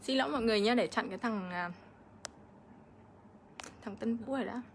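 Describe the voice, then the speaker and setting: A woman's voice: a little high, a little fast, slight background noise. A middle-aged woman, ranting on a casual livestream vlog and hitting back at her critics with indignation. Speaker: vlogger.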